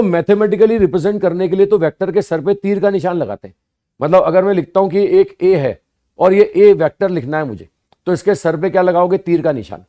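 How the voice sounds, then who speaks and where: A man teaching physics to students, explaining slowly and repeating points, often asking rhetorical questions and answering them himself. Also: sits high, dark tone. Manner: addresses students as "bhaiya" and "sahab". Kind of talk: classroom lecture.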